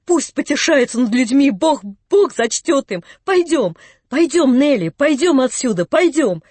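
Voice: sits high, sing-song, measured pace, darkish tone, no echo. A reader voicing an overwrought, pleading elderly woman in an audiobook, with raised, fervent exclamations. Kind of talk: audiobook reading.

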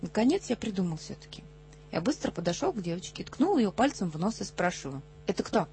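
A woman reading a children's story aloud with animated expression, acting out the dialogue. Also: medium pitch, a little fast, slight background noise.

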